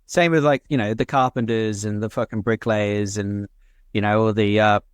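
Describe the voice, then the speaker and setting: A man's voice: lowish voice, fairly even intonation, moderate pace, smooth, no echo, clean studio sound. A man co-hosting a casual podcast chat, talking loosely, laughing often and swearing casually. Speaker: podcast co-host.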